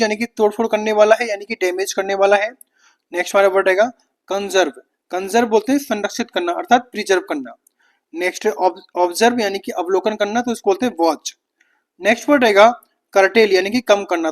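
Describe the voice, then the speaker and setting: A man from India teaching exam vocabulary, running through a word list at a brisk clip and giving short glosses for each word. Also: high-pitched. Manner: brisk, repetitive word-by-word listing with quick glosses. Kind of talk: rapid vocabulary drill lesson.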